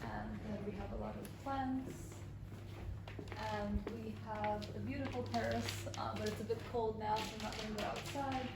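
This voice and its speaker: A young woman from Romania, a startup cofounder and developer, answering interview questions and showing visitors around her office in a relaxed way, often saying "um" and "I guess". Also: on the high side, moderate pace, creaky, heavy background noise. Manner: relaxed, many "um" and "I guess" fillers. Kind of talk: casual interview and office tour.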